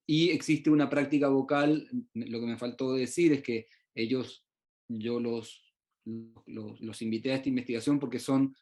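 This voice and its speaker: A middle-aged man, born in Uruguay and raised in Chile, gives an online research presentation, halting often with fillers and restarts. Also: mid-range voice, a little mellow. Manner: hesitant, many fillers and restarts. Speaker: researcher presenting his work.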